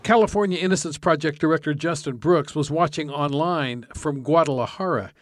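Man narrating an investigative news podcast. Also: on the high side. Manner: measured storytelling delivery. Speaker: podcast host and reporter. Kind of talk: scripted narration.

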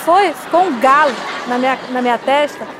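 High-voiced woman with a Pará accent. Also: moderate pace, background noise. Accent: Pará Portuguese. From Pará, Brazil. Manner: warm storyteller, uses regional slang. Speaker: singer guest. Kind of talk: casual interview chat.

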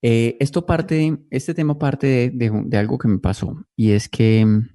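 A man hosting a podcast, telling a funny story in casual chat and jumping into squeaky voices when he quotes people. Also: unhurried, dry recording, clean studio sound. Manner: animated, jumps into squeaky voices when quoting. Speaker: podcast host.

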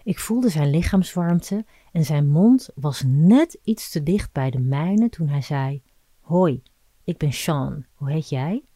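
A woman reads an erotic story in a slow, intimate, measured way. Her voice sits low and sounds warm and dark. The recording is dry, with no room sound. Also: animated, dry recording. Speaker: narrator. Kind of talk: scripted erotic story reading.

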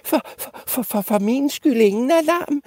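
A man voicing a tiny timid young billy goat who stutters in a squeaky voice. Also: expressive, darkish tone, no echo, clean studio sound.

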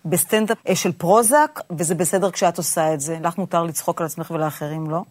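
A woman with a slightly low voice hosts a conversational interview. She probes her points, doubling back on words as she shapes a thought. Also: steady tone. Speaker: podcast host interviewer.

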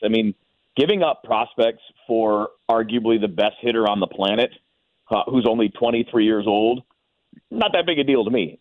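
A man's voice: mid-range voice, no echo. A man talking sports casually and informally as a radio guest, heard over a phone line. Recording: tinny, narrow phone line.

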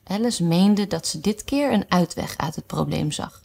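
A woman narrating a storybook aloud in an expressive, animated way. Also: lowish voice, moderate pace, gravelly. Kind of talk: storybook reading.

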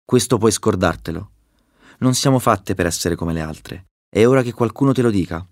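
A man's voice: on the low side, lively intonation, moderate pace, darkish tone, dry recording, clean studio sound. A man voicing a stern, loving queen bee mother. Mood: scolding. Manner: firm, scolding yet tender.

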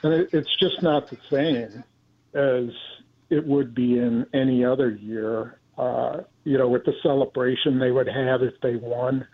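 An American man, a sports journalist, answering radio interview questions haltingly over a phone line. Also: medium pitch, fairly even intonation, husky. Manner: halting, repeats words as he thinks. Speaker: sports journalist, show guest. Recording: phone-like guest hotline.

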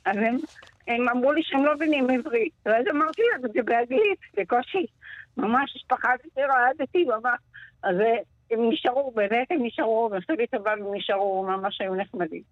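A woman's voice: on the high side, no room sound. Shaken woman in her sixties on a muffled line. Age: 60s. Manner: shaken, rushed storytelling that replays dialogue. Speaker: interviewee. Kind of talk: emotional first-person account on radio.

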